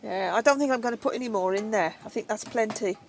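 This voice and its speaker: Inside a heated stove tent, a camping cooking vlogger chats casually to camera as she cooks, thinking aloud along the way. Her medium-pitched voice moves fast, with a noisy background behind her.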